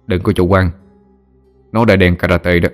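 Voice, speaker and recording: Man playing a cocky thug, eager, odd timbre, low voice. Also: flat delivery, moderate pace, faint music behind, lightly acted. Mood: boastful. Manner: eager, boastful. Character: eager male gangster thug.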